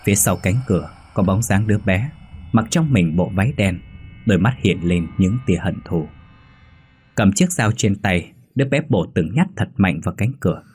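A man narrating a horror story in a measured, ominous reading. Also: deep voice, expressive, darkish tone, slightly rough. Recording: faint background music.

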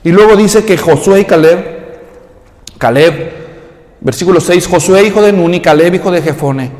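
A man preaching a sermon, animated and humorous, acting out quotes in a raised voice. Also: high voice, moderate pace. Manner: humorous storytelling asides. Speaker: pastor. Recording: echoey hall reverb.

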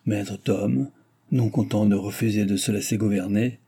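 A male audiobook narrator reads a novel aloud in a measured, even storytelling manner. His voice is fairly low-pitched and slightly rough.

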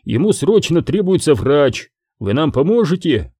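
A man reads as a stern elderly protector, curt and angry, his voice lifted above the narration. It sounds dark and mellow, with a dry close sound. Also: fairly high pitch, sing-song, measured pace, breathy edge, no room sound, full character voice. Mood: urgent, angry.

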